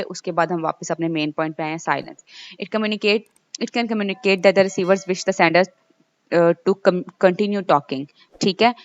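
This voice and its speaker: A woman delivers a recorded lecture in a lowish voice. She reads English passages slowly, then explains them in a loose way, often checking with the class. The recording is dull, lo-fi and dry. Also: no room sound.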